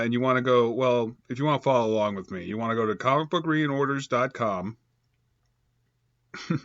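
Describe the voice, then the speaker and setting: A comic book reviewer with a stuffed-up, cold-affected voice gives a casual, improvised review, rambling with lots of fillers and self-corrections. His voice is lowish, gravelly and a bit bright, and the recording is dry and dull.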